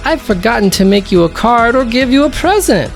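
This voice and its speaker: A man voicing an eager, forgetful little bear cub in a picture-book reading, in a high, squeaky voice. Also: expressive, brisk, gravelly, soft background music, exaggerated voice. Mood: earnest.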